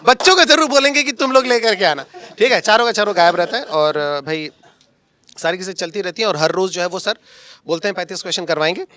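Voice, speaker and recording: A man's voice: high voice, lively intonation, fast talker, sharp tone. A young man, a coaching teacher, chatting casually and teasing his colleagues with frequent laughs. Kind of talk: casual joking chat among colleagues.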